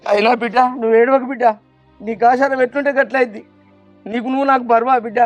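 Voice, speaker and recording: A man's voice: very high-pitched, steady tone, fast, muffled recording, soft background music. An actor with a Telangana Telugu accent playing a grieving older father who laments at length. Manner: pleading, lamenting in long rural laments. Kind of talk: family web drama acting.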